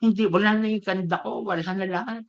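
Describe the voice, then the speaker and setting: A man's voice: high-pitched, fairly even intonation, brisk, vocal fry, dull audio. A man voicing a bamboo plant in a parable, asking pleading, indignant questions.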